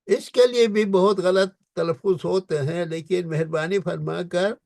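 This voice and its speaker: A man teaching Quran recitation in a lecture, explaining pronunciation and drawing out the verses slowly. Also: high voice, fairly even intonation, gravelly, darkish tone, no room sound, studio quality.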